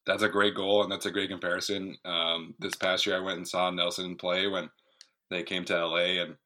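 A man's voice: low-pitched, little pitch movement, moderate pace, sharp tone. A man hosting a sports podcast interview, asking questions in an upbeat, friendly way.

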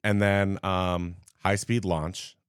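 A man's voice: low voice, level tone, slow, clear, resonant tone, no echo, clean studio sound. A man co-hosting a theme park podcast, explaining things at length with many "um"s and restarts. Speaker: podcast co-host. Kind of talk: casual chat.

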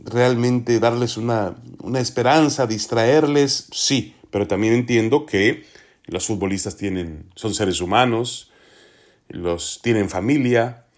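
A man hosting a sports podcast, giving opinion commentary in an earnest, deliberate and emphatic way. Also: medium pitch.

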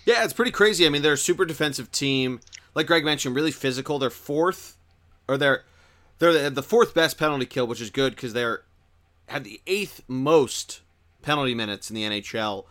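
Bright-voiced man hosting a sports podcast. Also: medium pitch, normal speed. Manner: lively, runs the rundown and tosses questions to co-hosts. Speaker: podcast co-host leading the segments. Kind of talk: casual sports podcast chat.

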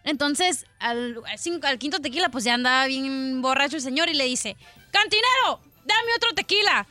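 A woman co-hosting a radio show who tells a joke as an animated storyteller, acting out the characters' lines. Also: high-pitched, moderate pace, dry recording, faint music behind. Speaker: radio co-host.

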